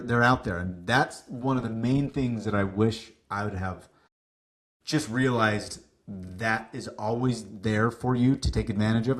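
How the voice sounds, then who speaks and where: A man telling stories as a guest on a business podcast, lively, acting out what people said, with some casual swearing. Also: mid-range voice. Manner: animated, acts out quoted dialogue, casual swearing. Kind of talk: casual interview storytelling.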